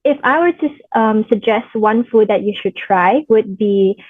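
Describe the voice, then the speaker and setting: A woman's voice: medium pitch, slightly rough, dry recording. Young woman on a tinny line. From Singapore. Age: 20s. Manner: polite, steady, with "um" pauses. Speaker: guest, pageant contestant. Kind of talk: casual interview answers.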